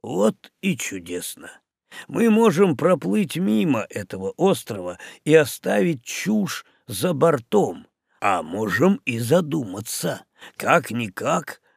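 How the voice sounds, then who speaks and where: A jolly sea captain who muses aloud, played by a man reading a storybook. His voice is gravelly, lively in pitch and unhurried. The sound is dry. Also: no room sound, full character voice. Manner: playful, musing.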